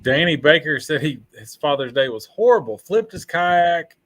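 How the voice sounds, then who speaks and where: A man's voice: a little high, animated, normal speed, a bit bright. Man greeting livestream viewers. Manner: reads out viewer names, brief friendly greetings. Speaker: livestream co-host. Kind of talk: casual livestream chat.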